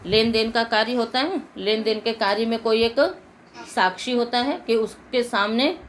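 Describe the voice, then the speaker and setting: A woman's voice: on the high side, steady tone, normal speed, slight background noise, low-quality recording. Woman teaching Sanskrit grammar in Hindi. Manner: patient, asks the class questions and answers them herself. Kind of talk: explaining grammar rules in a lesson.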